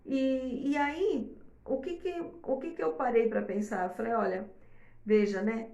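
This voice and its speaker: Gravelly-voiced middle-aged woman mentor. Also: a little high, fairly even intonation, measured pace, mellow, reverberant. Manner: chatty, frequent tag questions. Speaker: mentor for mothers. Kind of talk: live online class talk.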